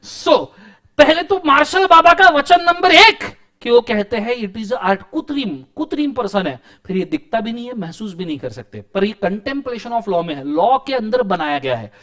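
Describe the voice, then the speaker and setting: A young man lectures on law in a very high, bright-sounding voice. He teaches with jokes and theatrical asides, mocking and praising as he explains. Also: big pitch swings, normal speed. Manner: joking, theatrical teaching with mock sayings. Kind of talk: classroom lecture.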